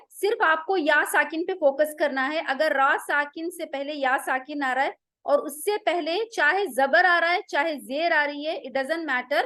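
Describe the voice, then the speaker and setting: A woman teaching Quran recitation rules, explaining patiently and drilling pronunciations slowly, one sound at a time. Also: high voice, fairly bright tone, dry recording. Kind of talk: online tajweed lesson.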